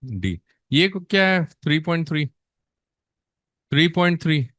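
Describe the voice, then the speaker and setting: A middle-aged teacher preparing students for a nursing exam talks unhurriedly in a slightly high, fairly bright, very animated voice. He mixes Hindi with English, quizzes in a coaxing way, addresses students as beta, and answers for them. There's no room sound, and the quality is studio-grade.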